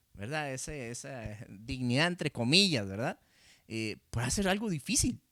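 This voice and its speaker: A man's voice: medium pitch, no echo, clean studio sound. A male pastor with a Costa Rican Spanish accent, teaching a sermon in a conversational way and often checking with "¿verdad?", speaking into a handheld microphone. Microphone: handheld microphone facing a camera.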